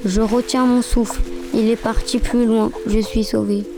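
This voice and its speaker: Woman, slightly high voice, tense first-person reading over music. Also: flat delivery, moderate pace. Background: background music.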